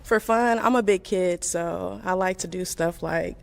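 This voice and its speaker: A woman's voice: fairly low pitch, unhurried, vocal fry. A woman in her thirties on a dating show, guarded and vague, with many fillers. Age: 30s. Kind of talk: casual conversation.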